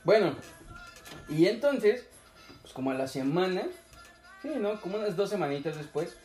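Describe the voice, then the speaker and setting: With faint music in an echoey room, a young man with a Mexican Spanish accent co-hosts a podcast and spins a story through laid-back, crude, joking talk. His voice is high-pitched, expressive and a little mellow, at a moderate pace.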